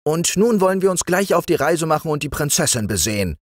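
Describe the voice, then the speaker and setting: A man voicing a timid, eager young frog king in a storybook reading, in a raised, excited voice. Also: fairly high pitch, quick pace, dry recording, studio quality, voice pushed up. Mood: fretful.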